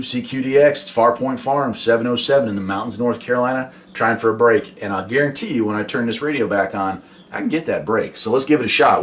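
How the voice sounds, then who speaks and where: With a mid-range, slightly bright voice and some hiss or hum in the background, an American CB radio operator and hobby vlogger explains his pastime casually. The folksy, chatty talk includes demonstrations of radio calls.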